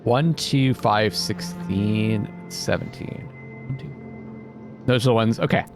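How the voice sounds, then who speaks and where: A man with a lowish voice hosts a gaming video, offering casual let's-play commentary at a slow pace. He mutters, thinks aloud as he plays, and reads bits out. Game music plays behind his voice.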